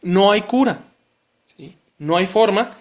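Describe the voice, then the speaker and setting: A man's voice: high voice, animated, slow pace. A man teaching a lesson, explaining patiently step by step and often checking in with the listener. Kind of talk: recorded classroom lesson.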